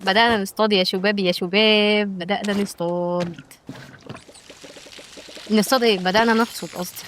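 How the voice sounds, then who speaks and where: A woman's voice: mid-range voice, steady tone, a little fast, fairly bright tone, a little hiss or hum. A woman with an Egyptian accent giving casual let's-play commentary, chatty and exclaiming, bantering with game characters. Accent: Egyptian Arabic. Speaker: gaming YouTuber.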